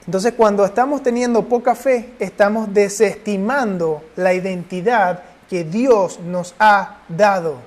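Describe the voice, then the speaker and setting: A man's voice: sits high, unhurried, hardly any pauses, a little mellow. A man preaching a sermon and then leading a prayer, pressing his listeners with urgent rhetorical questions.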